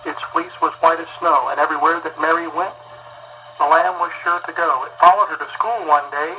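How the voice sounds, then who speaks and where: A man's voice: fairly high pitch, fairly even intonation, fairly quick, muffled recording, a little hiss or hum. Man heard on an old wire recording playback. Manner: reciting a nursery rhyme as a test recording. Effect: played back from a wire recorder. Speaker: hobbyist demonstrating a wire recorder. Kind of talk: casual hands-on demonstration.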